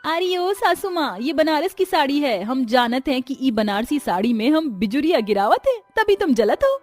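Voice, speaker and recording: A woman voicing a cheeky young village bride from Banaras, speaking in a loud, drawling village dialect with a Bhojpuri-tinged eastern Hindi accent, over soft music. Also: high-pitched, sing-song, moderate pace, pitched above the performer's own voice. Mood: sassy.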